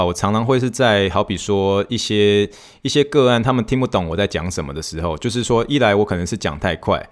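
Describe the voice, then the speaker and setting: A fairly low-voiced man with a Taiwanese Mandarin accent talks on his own podcast. He rattles along at a quick clip, telling stories in a loose, rambling way and often restarting his sentences. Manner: chatty, rambling storytelling with many restarts. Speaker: podcast host. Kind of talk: casual solo podcast chat.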